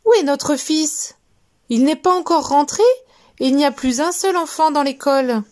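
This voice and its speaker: A woman's voice: high-pitched, moderate pace, darkish tone, voice pushed up, lightly acted. A woman voicing a worried, loving mother mouse in a storybook. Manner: anxious, fussing.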